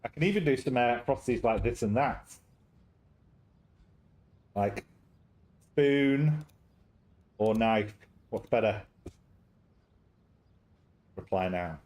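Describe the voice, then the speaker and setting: A man's voice: fairly low pitch, slow, pauses often, darkish tone. A young man casually reading a story game aloud on a stream, chatty and easily sidetracked into jokes. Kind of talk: casual live-stream chat and game narration.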